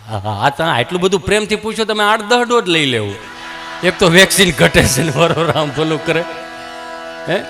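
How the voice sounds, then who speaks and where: A man's voice: fairly high pitch, expressive, moderate pace, bright, forceful tone, soft background music. A man performing a live stand-up comedy routine, chatty and acting out little dialogues.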